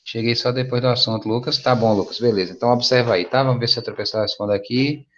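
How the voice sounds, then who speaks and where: A man's voice: mid-range voice, steady tone, fast talker, a little hiss or hum. A man with a Brazilian Portuguese accent teaching an English class over a video call, patient and encouraging in a casual way. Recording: dull lo-fi online class audio.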